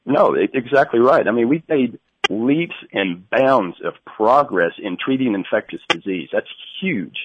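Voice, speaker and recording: A man's voice: lowish voice, background noise. A man being interviewed over a fuzzy, distorted cell phone line. He explains his points in an agreeable way, with a few restarts. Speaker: interview guest.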